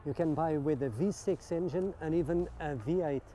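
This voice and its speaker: A man with a warm, fairly high voice speaks at normal speed, with a little hiss or hum in the recording. He's a vlogger strolling through a car meet in an outdoor car park, chatting enthusiastically, admiring what he sees and asking his audience questions.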